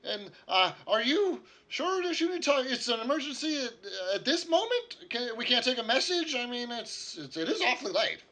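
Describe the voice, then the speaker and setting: A man's voice: very high-pitched, very animated, normal speed, few pauses, sharp tone, voice pushed up, exaggerated voice. A man voicing a flustered, fussy man who has been woken late at night, stammering and overly polite.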